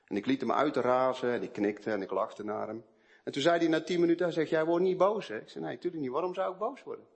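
A man preaching a sermon with personal testimony, swinging between hushed storytelling and emphatic outbursts. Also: on the high side, animated, quick pace, vocal fry.

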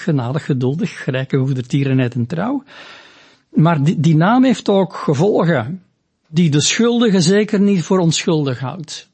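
Slow, husky preacher man. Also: on the high side, a little mellow. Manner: slow, deliberate and emphatic, with rising quoted lines. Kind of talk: sermon teaching on scripture.

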